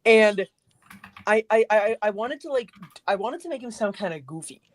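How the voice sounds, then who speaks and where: Animated male fan voice actor, stammering restarts, dry close sound. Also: sits high, moderate pace, no echo. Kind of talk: casual group chat.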